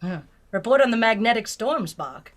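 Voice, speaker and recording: A woman playing a principled, composed female starship captain in a sci-fi fan audio drama, speaking in a measured, formal way. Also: a little high, lively intonation, lightly acted. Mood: composed, firm.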